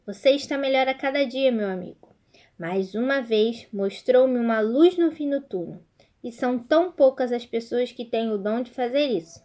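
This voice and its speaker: A woman reading the lines of a calm, fond male detective aloud from a book, in a gentle, measured way. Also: on the high side, natural voice. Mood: approving.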